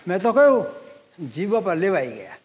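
An elderly man in his eighties tells stories from his own life to a listening audience. His voice sits high for a man, and the talk is unhurried, with pauses and repeated phrases. A long reverb trails after him in a large hall. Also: big pitch swings, a little mellow. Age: 80s. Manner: unhurried anecdotal storytelling, pausing and repeating phrases. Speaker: guest speaker at a public talk.

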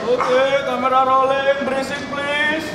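A man playing a dutiful film crew member, loudly calling out takes in a stage parody. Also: extremely high pitch, level tone. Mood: brisk, official. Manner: loud, drawn-out announcing. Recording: echoey noisy hall, far off, crowd.

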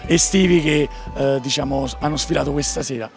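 A man conducts on-location interviews in a somewhat high male voice. His questions are polite and wordy. Music is clearly audible in the background. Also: fairly quick. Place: outdoor street at night. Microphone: handheld interview microphone.

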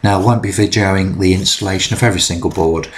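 A middle-aged man talks through his DIY work in a relaxed, explanatory voice-over. His voice sits very low, and he fills the gaps with frequent ums. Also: fast talker, slight background noise. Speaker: DIY vlogger. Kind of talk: instructional voice-over narration.

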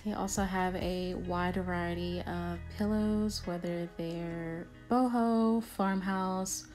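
A woman's voice: fairly low pitch, slow pace, soft background music. A young woman casually narrating her shopping trip and event-decor vlog as a picnic planner, chatty and upbeat. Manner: chatty and upbeat, relaxed commentary with fillers.

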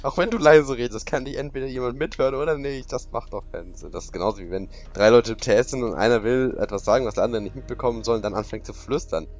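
A man's voice: mid-range voice, fast, hardly any pauses, muffled recording, soft background music. A man commentating a video game as he plays, sarcastic and exclaiming, talking to his viewers. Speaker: let's play commentator. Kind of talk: gaming commentary.

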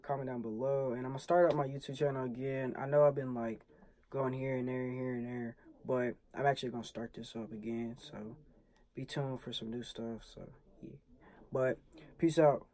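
A teenage boy chats casually to his viewers in a laid-back, slangy way. His voice sits at an ordinary pitch with a mellow, soft tone, recorded close on a phone indoors. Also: steady tone, normal speed. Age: teens. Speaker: vlogger host. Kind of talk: casual vlog chat. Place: indoor room.

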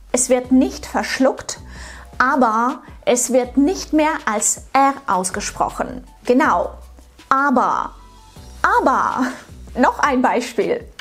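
Woman coach doing a pronunciation lesson, slow clear words, soft music under her. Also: high-pitched. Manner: clear, deliberate, models words for repetition.

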